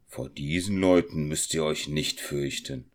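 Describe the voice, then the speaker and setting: A steady carter in a storybook who speaks slowly and deep, with a calm, reassuring manner, voiced by a man reading the tale. He sounds unhurried. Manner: slow, reassuring.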